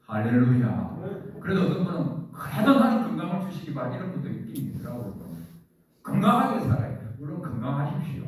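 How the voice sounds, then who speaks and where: Echoey preacher with a lilt. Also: male voice, mid-range voice, a little hiss or hum. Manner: lively preaching, asks questions and answers them; leads the congregation in call-and-response. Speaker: pastor. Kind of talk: sermon. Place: church sanctuary. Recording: echoey church hall, mic far off.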